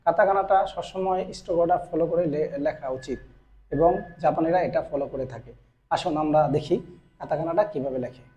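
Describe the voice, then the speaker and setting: A man with a Bangladeshi Bengali accent teaching a Japanese writing lesson, slowly repeating each syllable twice as he explains. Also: a little high, mellow. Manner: slow and repetitive, drilling each syllable twice. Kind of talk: step-by-step classroom explanation.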